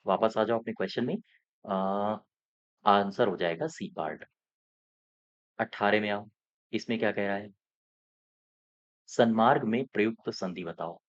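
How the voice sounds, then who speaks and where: A man's voice: fairly low pitch, a little slow, long pauses, highs cut off. A man teaching as an exam coaching teacher, walking through mock test answers, repeating key points and often checking that students follow.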